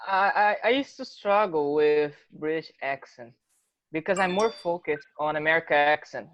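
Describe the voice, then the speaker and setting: A man's voice: on the high side, moderate pace, a bit bright. A man joins a casual online chat and speaks earnestly, often restarting his sentences. His call audio is dull and lo-fi, with a dry sound and no room echo. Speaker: meeting participant. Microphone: video call.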